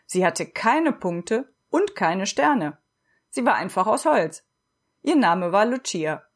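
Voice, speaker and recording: A woman narrating a children's storybook in a steady, expressive reading voice. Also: medium pitch, slow pace. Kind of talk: storybook narration read aloud.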